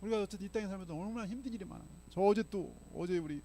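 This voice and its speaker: A man's voice: high voice, rapid-fire, dark tone, slight background noise. An older man preaching a sermon as pastor, telling stories in a chatty way and often checking in with the congregation. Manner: conversational storytelling, frequent "예?" to congregation. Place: church sanctuary.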